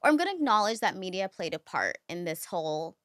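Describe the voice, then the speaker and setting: A woman's voice: fairly low pitch, fast, no room sound, studio quality. A woman co-hosting a casual podcast, telling stories with lots of "like" and "um" and acting out the lines she quotes. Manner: animated storytelling, acts out quoted lines; filler-heavy, laughs often. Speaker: podcast co-host.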